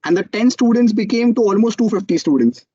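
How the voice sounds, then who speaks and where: A young man with an Indian English accent gives a motivational talk about starting out. His voice sits high and he tells the story with animated energy, slipping into other people's voices. The sound is dry and a little dull. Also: a little fast, husky, no echo. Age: young adult. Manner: animated storytelling, acts out quotes. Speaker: student entrepreneur speaker.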